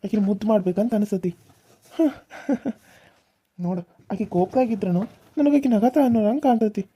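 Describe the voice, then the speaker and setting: Woman playing a young cartoon husband, mellow voice, quick coaxing talk. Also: medium pitch, lively intonation, slightly rough. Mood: musing. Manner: coaxing, reasoning, mildly exasperated. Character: young village husband, caught between mother and wife, peacemaking. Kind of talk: cartoon serial voice acting.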